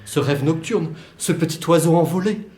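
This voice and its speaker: A man's voice: on the high side, moderate pace, a little mellow, a little hiss or hum, lightly acted. A young man playing an anxious male lover who stammers and repeats himself as he pleads. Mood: pleading. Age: young adult. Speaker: student actor. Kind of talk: solo stage reading of a play. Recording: roomy echo.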